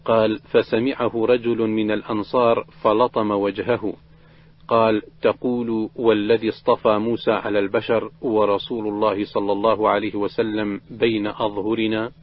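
A man with a low voice reads an old religious text aloud at an even, measured pace. His recitation carries the quoted exchanges without acting them out. The recording sounds dull and muffled. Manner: steady measured reading, quoted dialogue read without acting. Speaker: reader of a hadith collection.

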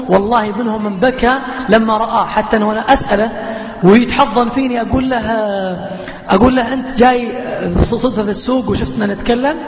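A man preaches in a high, quick voice, earnest and emphatic. He tells stories and answers questions from the audience. The sound is dull and lo-fi, echoing around a large lecture hall with a faint hiss underneath. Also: creaky. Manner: earnest, emphatic, storytelling with oaths.

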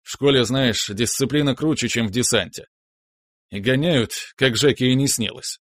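A man's voice: mid-range voice, moderate pace, fairly bright tone, dry recording. Wry young man, smirking and confiding, read by a man, dry read. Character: smirking young man, old classmate Yurka.

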